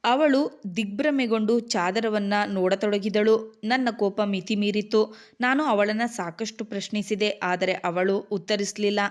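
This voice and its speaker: Woman narrator, measured dramatic storytelling read-aloud. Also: mid-range voice.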